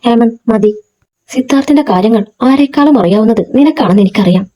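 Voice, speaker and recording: A woman voicing a jealous, sharp-tongued young woman in a storybook, curt and demanding. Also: a little high, a little fast, close to an everyday voice. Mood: angry.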